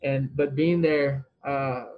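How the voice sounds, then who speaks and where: A man, a former baseball pitcher, telling a story as an interview guest, rambling and swearing freely. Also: slow pace, lo-fi sound. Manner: animated, rambling storyteller who restarts and swears.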